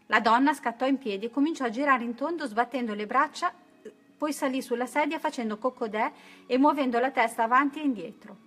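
A woman narrating a children's picture book, reading aloud in an expressive, even-paced way. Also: high voice, brisk, husky. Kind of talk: children's story read-aloud.

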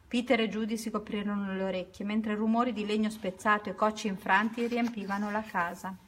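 A woman reading a children's story aloud at an unhurried pace, now and then correcting herself. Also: medium pitch, steady tone, slight background noise.

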